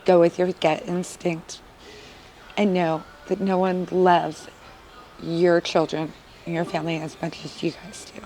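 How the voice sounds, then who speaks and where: A woman's voice: fairly low pitch, little pitch movement, a little slow, mellow, a little hiss or hum, rough recording. A woman, a mother, giving an earnest, emotional testimonial in an interview. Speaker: parent interviewee.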